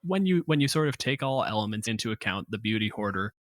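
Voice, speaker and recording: With a low voice, lively intonation, and quick pace, a male podcast co-host breaks down tabletop game monsters in casual analytical talk. He comes across as articulate, emphatic, and full of opinions. The studio sound is clean, with no room sound.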